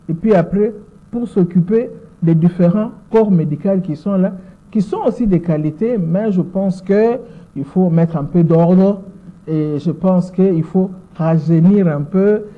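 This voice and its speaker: A lawyer from the Democratic Republic of the Congo, a woman in her sixties, is interviewed in French and replies with a Congolese accent, measured and repeating words as she looks for the right one. Her voice sits on the low side, and the audio has a thin, boxy, phone-line quality.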